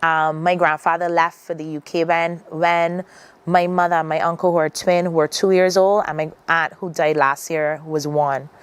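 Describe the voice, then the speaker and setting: On a morning television interview, a woman from Barbados talks in a low, smooth voice, flat in delivery and normal in speed. Her Barbadian accent carries an earnest, reflective tone, and she often starts over mid-sentence.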